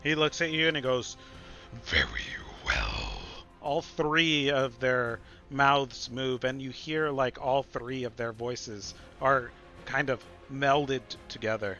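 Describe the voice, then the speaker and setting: A man's voice: mid-range voice, fairly even intonation, takes it slowly, hardly any pauses, bright, forceful tone, lo-fi sound. A man running a tabletop roleplaying game as game master, moving between rulings and dramatic description. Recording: faint music behind the voice.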